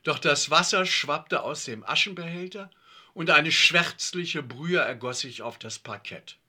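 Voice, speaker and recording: A man reading a children's story aloud with expressive narration. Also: a little high, a little slow, husky.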